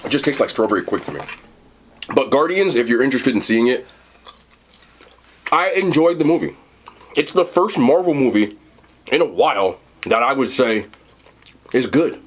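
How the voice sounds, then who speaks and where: A man's voice: medium pitch, expressive, normal speed, pauses often. A man giving a casual, unscripted food and movie review, rambling and blunt, with slangy phrasing and casual swearing.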